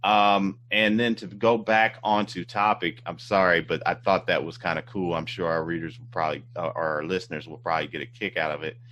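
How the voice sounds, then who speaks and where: Deep-voiced rambling talk show host. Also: male voice, fairly even intonation, brisk, hardly any pauses, a bit bright, slight background noise. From Indiana. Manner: rambling, many fillers and restarts. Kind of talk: casual interview chat.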